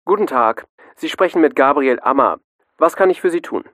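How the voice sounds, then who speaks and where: A man's voice: fairly high pitch, lively intonation, normal speed, a bit bright, no echo. A man acting a polite hotline clerk, in a scripted language-course dialogue. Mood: polite, helpful. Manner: polite, formal customer service voice. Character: polite male advice hotline clerk taking a call.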